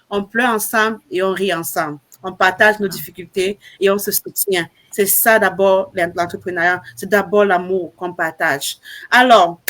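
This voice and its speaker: Brief: woman host of a live stream, mid-pitched voice, emphatic and repetitive. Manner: warm, emphatic, repeats herself. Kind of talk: hosting a group live stream.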